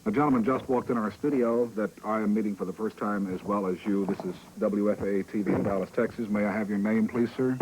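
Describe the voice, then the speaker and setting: A man with a low voice speaks formally as a live news anchor. He is measured and polite. The old broadcast tape is full of hiss. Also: steady tone, darkish tone, rough recording. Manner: formal, measured on-air delivery.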